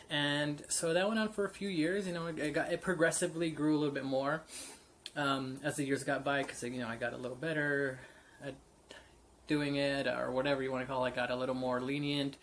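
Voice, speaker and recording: Off the cuff and candid, a vlogger in his late twenties rambles through a personal story to camera, stumbling over fillers and restarts. He has a fairly bright mid-range voice, and there's a touch of hiss or hum.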